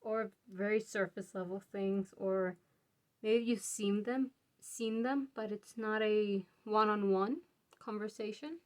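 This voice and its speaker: Slow-talking, chatty woman tarot reader. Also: mid-range voice, fairly even intonation. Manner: chatty, laughs often, muses aloud. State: a bit out of breath. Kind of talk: casual pick-a-card tarot reading.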